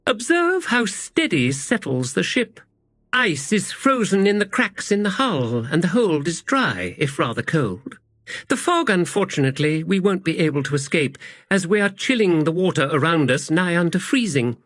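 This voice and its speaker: A man's voice: sits high, very animated, moderate pace, a bit bright, no room sound, clean studio sound, voice pushed up. A man voicing a condescending young princess, lofty and teasing, in a storybook reading. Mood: haughty.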